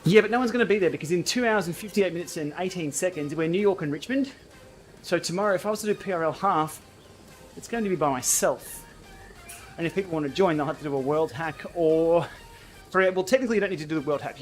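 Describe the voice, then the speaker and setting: A man's voice: fairly high pitch, fast, faint music behind. A man hosting a casual livestream, bantering and thinking aloud as he chats during an indoor cycling game. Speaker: livestream host.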